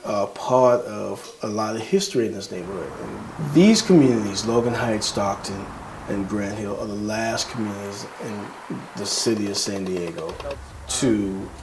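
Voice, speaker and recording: A man's voice: lowish voice, normal speed, noisy background. A man who leads a community development group, speaking earnestly and emphatically in an interview, with some fillers.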